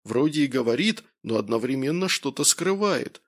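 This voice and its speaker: Guy doing a brash drinking buddy, loud and blunt, raspy voice. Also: mid-range voice, expressive, moderate pace, natural voice. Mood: boisterous. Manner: boisterous, blunt. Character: brash hard-drinking middle-aged man.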